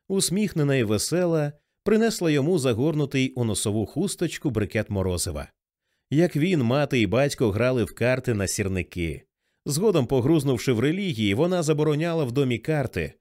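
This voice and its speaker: Lively male audiobook narrator. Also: mid-range voice, dry recording, studio quality. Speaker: audiobook reader. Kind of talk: expressive novel narration.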